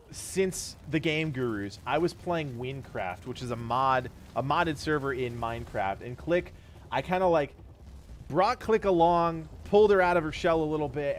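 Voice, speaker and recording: On a live stream, a thirty-year-old man with a slightly high voice that's growing hoarse and stuffy keeps thanking viewers for their donations. He's grateful and meandering, laughing frequently as he goes.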